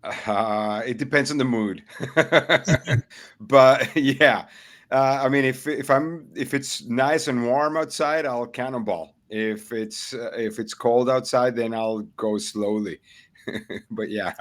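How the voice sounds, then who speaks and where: A man's voice: medium pitch, slow pace, a bit bright. A middle-aged man from Venezuela, a triathlon coach and guest, chatting casually with frequent fillers, restarts and easy laughter. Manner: hesitant, many fillers and restarts, laughs easily. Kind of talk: casual interview chat.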